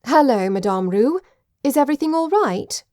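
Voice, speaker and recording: A woman voicing a spirited, genteel lady detective who speaks briskly. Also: high voice, animated, darkish tone, dry recording, studio quality, voice pushed up.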